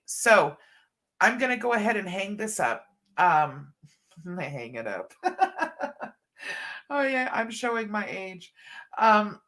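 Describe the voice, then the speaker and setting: A middle-aged woman chats affectionately on a casual livestream, reading comments aloud and calling her viewers hun and honey. Allergies make her stuffy and a bit scratchy, and her voice is fairly low and a bit bright.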